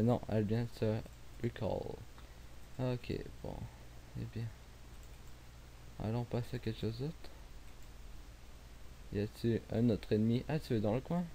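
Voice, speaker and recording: A young Quebec man with a Québécois French accent casually talks through his own gameplay in a mellow, medium-pitched voice. His speech rambles with plenty of fillers and restarts and sometimes drops to a near mumble, with faint hiss in the background.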